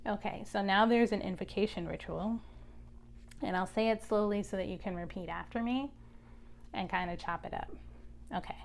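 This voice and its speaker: A woman giving an energy reading, speaking in a measured, contemplative way and leading a guided prayer. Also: medium pitch, vocal fry. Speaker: spiritual reader.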